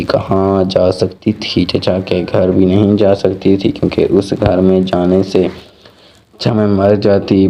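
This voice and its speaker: A man narrating a scripted first-person moral story in a slow, steady, solemn reading. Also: low-pitched.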